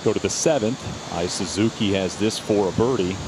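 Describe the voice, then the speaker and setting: A man's voice: lowish voice, brisk, noisy background. A man hosting a golf broadcast with live play-by-play commentary. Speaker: lead golf broadcast host.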